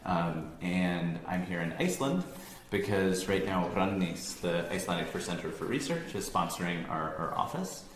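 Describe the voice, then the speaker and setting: An informal presentation comes from a man near Boston, United States, who works for a science organization and addresses an audience in a room. His voice sits low, his pace is moderate, and he pauses little, staying relaxed and chatty with frequent ums and self-corrections. Echo and a faint hum color the recording.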